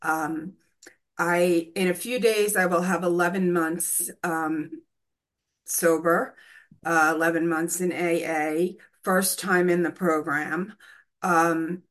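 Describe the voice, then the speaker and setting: A woman in her sixties from the United States tells her own recovery story in a candid, hesitant way, often pausing with "um". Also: lowish voice, fairly even intonation, a bit bright. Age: 60s. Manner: hesitant, many ums, candid. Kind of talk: personal testimony.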